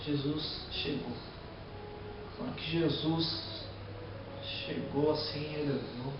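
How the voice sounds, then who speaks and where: A man's voice: on the high side, muffled recording, background noise. Brazilian male preacher, fervent sermon delivery, distant mic, heavy hall echo. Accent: Brazilian Portuguese. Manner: reads scripture then preaches with emotional outbursts.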